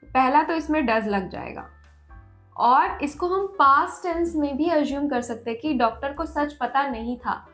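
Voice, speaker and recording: A woman teaching English grammar, saying example sentences slowly and then explaining each one. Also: high voice, a bit bright, soft background music. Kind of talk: bilingual grammar lesson.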